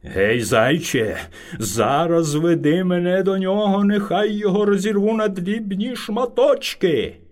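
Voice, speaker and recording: A starving bear lord bellows his rage in a storybook tale, as a male reader puts him on. His voice leaps high and low and the words come out slow and heavy. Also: expressive. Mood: raging. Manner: roaring, shouting insults. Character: hungry furious male bear, a bossy forest lord.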